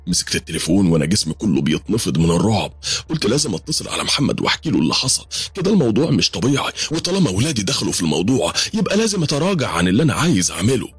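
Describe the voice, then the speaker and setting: A man's voice: lowish voice, big pitch swings, racing, breathy edge, dry recording. A man with an Egyptian accent narrating a first-person horror story with urgent, dramatic delivery. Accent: Egyptian Arabic.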